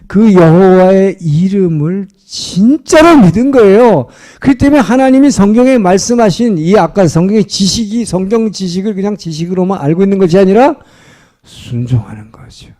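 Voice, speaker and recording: A male pastor tells a story from the pulpit in a relaxed, storytelling sermon style. His voice is mellow and sits slightly high, and he drops frequent short affirmations between phrases. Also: normal speed.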